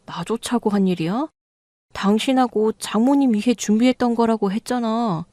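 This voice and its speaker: A woman's voice: fairly high pitch, moderate pace, mellow, dry recording, natural voice. Radio-drama husband, clueless and defensive , done by a woman; dry close sound. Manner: defensive, pleading.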